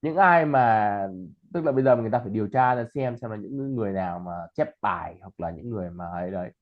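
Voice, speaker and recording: An English tutor with a lowish, lively voice talks fast, first chatting casually and then teaching pronunciation by explaining and repeating example words. The line sounds tinny, like a phone.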